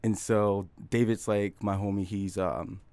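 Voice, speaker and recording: A man's voice: fairly low pitch, fairly even intonation, a little slow, darkish tone, no room sound. A young man from Chicago telling a rambling story in casual chat, laid-back and full of fillers. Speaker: podcast guest.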